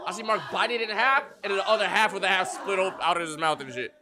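A man's voice: high-pitched, quick pace, a crowd in the background. A man livestreamer giving blunt, profane, mocking reaction commentary in casual slang.

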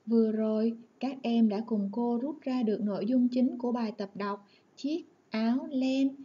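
Casting: clear, instructive female teacher talking to young pupils, lo-fi recording. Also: on the high side, normal speed. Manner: warm, clear and instructive, addressing children. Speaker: primary school teacher. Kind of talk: online lesson narration.

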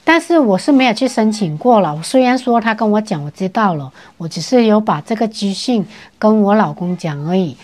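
A woman's voice: medium pitch, animated, brisk, few pauses, darkish tone. A woman from China, chatting casually in a storytelling vlog and retelling conversations. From mainland China. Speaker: vlogger.

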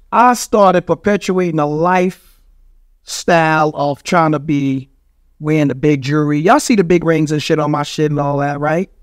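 A middle-aged New Yorker with a high-pitched voice appears as a guest on a podcast, telling stories emphatically with street slang, heavy swearing, and constant "you know" tags. He speaks into a boom-arm studio mic in a small studio with a foam-padded wall, so the sound is dry, close, and free of echo.

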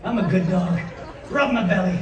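A playful, wheedling pet dog begs again and again for a belly rub, as a man puts it on. The high voice sounds far off in a very echoey theater with an audience around. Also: moderate pace, a faint crowd, lightly acted. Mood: begging. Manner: wheedling, begging.

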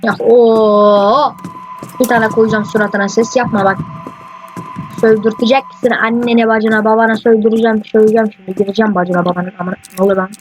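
A man doing casual let's-play commentary, rambling and excitable, often swearing at the game. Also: high voice, fast. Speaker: gaming YouTuber. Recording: dull lo-fi mic with faint hiss.

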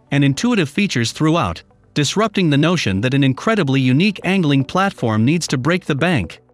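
A man giving scripted voice-over narration for a product review, in an even, read-aloud listing delivery. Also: on the high side. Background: faint background music.

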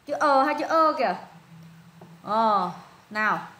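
A woman's voice: on the high side, animated, takes it slowly, pushed and bright, reverberant, slight background noise. A woman with a Vietnamese accent tutoring a student one-on-one in English pronunciation, patiently repeating words and prompting answers.

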